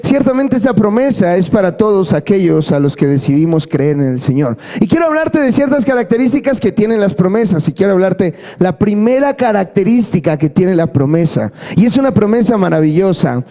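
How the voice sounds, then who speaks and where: A man's voice: high voice, lively intonation, brisk, hardly any pauses, warm tone. A man preaching a playful, joking sermon, often asking the congregation for amens. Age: adult. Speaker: pastor. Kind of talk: lively sermon. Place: church service.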